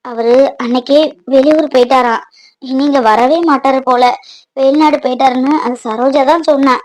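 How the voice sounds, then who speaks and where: A woman's voice: high-pitched, steady tone, normal speed, natural voice, rough recording. A woman voicing a caring young village woman. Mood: confiding. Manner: confiding, gently reassuring. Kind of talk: cartoon voice acting.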